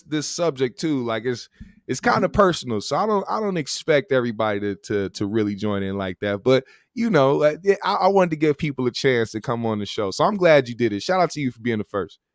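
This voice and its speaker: A man's voice: a little high, expressive, a little fast, dry recording, studio quality. A man hosting a call-in show, talking casually in a slangy, profane, opinionated conversational way. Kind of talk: casual opinionated rant and chat.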